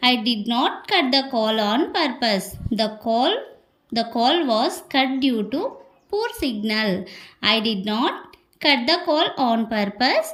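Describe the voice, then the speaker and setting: A woman with a Telugu accent teaching spoken English, reading each example slowly and then explaining it quickly in Telugu. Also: a little high, expressive, a bit bright.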